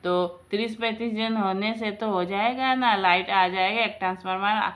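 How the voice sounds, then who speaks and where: A woman's voice: medium pitch, fairly even intonation, moderate pace, a bit bright, natural voice. A woman voicing a patient, put-upon young daughter-in-law who speaks meekly and pleads. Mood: polite.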